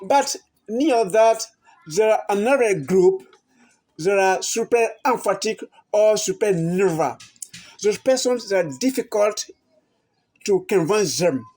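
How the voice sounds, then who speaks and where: A woman, a native French speaker, hosting a health channel and talking to viewers in a halting way, often repeating and restarting words. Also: mid-range voice, lively intonation, darkish tone. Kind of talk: informal talk to camera.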